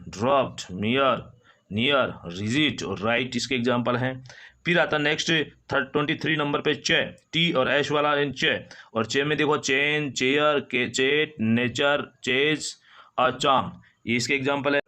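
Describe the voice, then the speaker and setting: Man, phonetics teacher, very slow delivery, bright tense voice. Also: medium pitch. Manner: slow, drawn-out reading of example words. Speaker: English teacher. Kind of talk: phonetics lesson.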